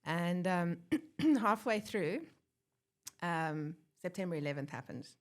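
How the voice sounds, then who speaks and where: In a fairly low, animated voice and at a slow pace, a woman from Africa shares her story as a guest in a casual interview. She's an airline pilot who was born in Germany and grew up in South Africa, and she's chatty, laughs a lot, and acts out quotes.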